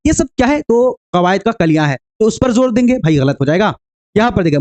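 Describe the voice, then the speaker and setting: A man with a notably high voice leads an exam-prep lecture. He works through each question step by step, poses rhetorical questions and answers them himself. He keeps addressing his viewers as dear friends and checks in with a frequent "okay.". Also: darkish tone. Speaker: teacher.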